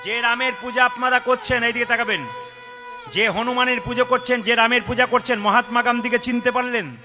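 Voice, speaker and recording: Man preaching kirtan style, high voice, music playing behind, big dramatic swings loud to hushed. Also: steady tone, a little fast. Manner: dramatic, swings between loud cries and hushed tones, acts out story voices. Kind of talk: devotional kirtan sermon.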